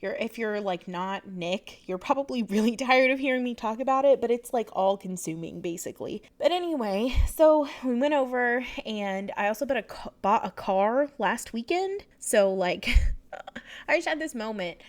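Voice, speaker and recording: A woman's voice: fairly high pitch, expressive, normal speed. A young woman chatting casually over a voice-over, rambling and laughing often, her nose stuffed up from crying. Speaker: Sims builder vlogger.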